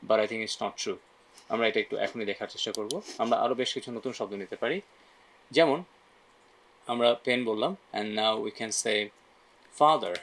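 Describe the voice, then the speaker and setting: A man's voice: lowish voice, unhurried, long pauses, a bit bright, slight background noise. A man teaching English pronunciation in a mixed Bengali and English lesson, often checking in with "right?" and leading repeat-after-me drills. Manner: asks frequent "right?" check-ins.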